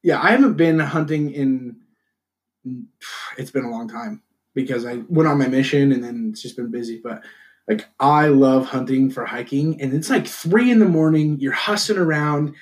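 A man's voice: mid-range voice, moderate pace. A young man from Utah co-hosting a podcast, telling stories in casual chat and acting out what other people said. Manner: animated storyteller who acts out other people's lines. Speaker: podcast co-host.

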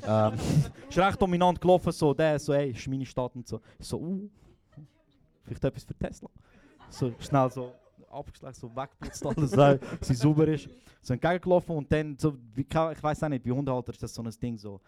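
A man's voice: on the high side, fairly quick, hardly any pauses, a little mellow. Slangy young Swiss German man telling a story. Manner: laughing often, slangy, lots of "Bro". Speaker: podcast host. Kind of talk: casual comedic storytelling at a live show.

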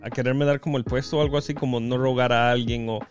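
A man's voice: mid-range voice, steady tone, fast. Young guy, casual podcast co-host, rambling self-correcting stories, faint music underneath. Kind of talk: casual chat.

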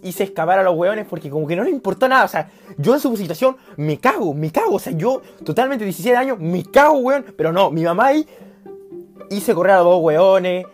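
A man with a Chilean accent telling a story in a casual, animated and slangy way, dropping to a hush and rising to shouts. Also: sits high, brisk, soft background music. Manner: animated, slangy and profane, swinging from hushed to shouting.

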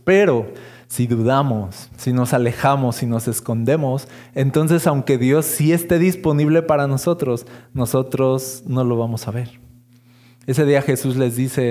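A man preaching a sermon in a conversational way, slowing down for the lines he quotes. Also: medium pitch, a little mellow.

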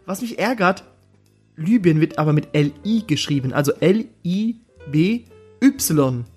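A man's voice: fairly high pitch, lively intonation, a little slow, darkish tone, breathy edge, soft background music. A man co-hosting a casual podcast, joking around, laughing often and spelling words out letter by letter. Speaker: podcast co-host. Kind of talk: casual chat.

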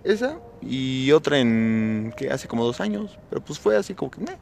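A man's voice: medium pitch, big pitch swings, moderate pace, gravelly, crowd noise. A young man with a Mexican Spanish accent in a casual chat among friends, telling stories in a laid-back, slangy way.

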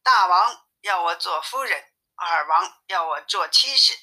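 A woman reading aloud voices a female demon posing as a pitiful captive woman, pleading in a high, plaintive tone. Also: expressive, a little slow, sharp tone, heavily acted. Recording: tinny phone-like sound.

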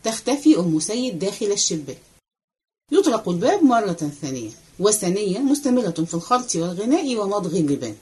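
A woman's voice: medium pitch, very animated, darkish tone, husky. A woman with an Egyptian accent reading a stage play aloud, rattling through the stage directions. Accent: Egyptian Arabic. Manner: reads stage directions briskly. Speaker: reader.

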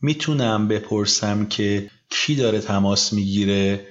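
A man teaching English in a relaxed bilingual lesson, saying example phrases slowly and carefully for his student to repeat. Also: fairly low pitch, lo-fi sound.

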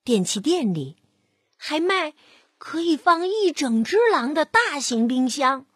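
A woman reading a picture book aloud to a child, with gentle, drawn-out storytelling and lively emphasis. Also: high voice, dry recording, studio quality.

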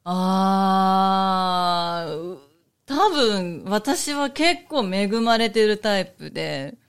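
A woman's voice: medium pitch, lively intonation, drawn-out words, smooth. A woman, a guest chatting casually and cheerfully in an interview, laughing often. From Osaka, raised in Kyoto.

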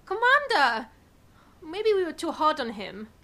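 Woman as a earnest foreign cosmonaut in an audio comedy, very high, bright, deadpan. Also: a little slow, heavily acted. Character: earnest foreign female cosmonaut, literal-minded. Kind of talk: comic radio-play acting.

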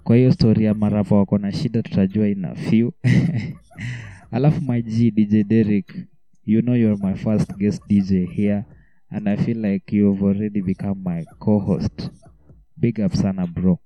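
A man's voice: lowish voice, fairly even intonation, moderate pace. A man with a Kenyan accent hosting a casual, hyped radio interview full of slang. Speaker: radio host. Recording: muffled, roomy radio interview audio.

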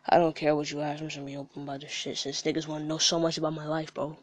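A man's voice: a little high, completely flat delivery, very fast, dry recording. A man speaking in a candid casual chat as a guest, heated and profane and often repeating himself.

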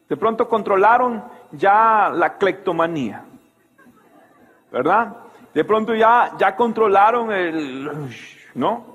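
A man preaching a sermon as pastor, animated and full of rhetorical questions, in a church hall. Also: high voice, slow, breathy edge, muffled recording.

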